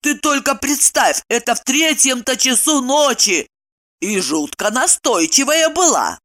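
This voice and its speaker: A woman's voice: sits high, lively intonation, fairly bright tone, voice pushed up. A woman reading an audiobook, voicing a blunt, touchy woman of about thirty. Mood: conspiratorial. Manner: blunt, quick to take offence.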